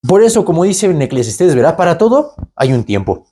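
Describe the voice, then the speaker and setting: A man preaching. His voice is dark and a little husky, and it swoops up and down through a wide pitch range. He keeps asking the listeners rhetorical questions. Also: fairly quick. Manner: animated, asks rhetorical questions, tags lines with "¿verdad?". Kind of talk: conversational Bible teaching.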